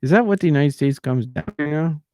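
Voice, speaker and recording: A man's voice: on the high side, fairly quick, darkish tone, no room sound, clean studio sound. A man ranting and rambling in casual talk on his own livestream, repeating himself and trailing off. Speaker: livestream host.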